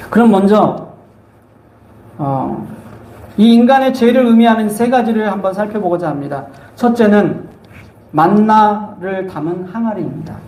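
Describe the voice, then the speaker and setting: A man delivering a sermon in a church sanctuary, his voice pitched high and bouncing around the room's echo. He preaches emphatically, often climbing into high, pleading cries. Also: a little mellow. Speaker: pastor. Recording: echoey church room.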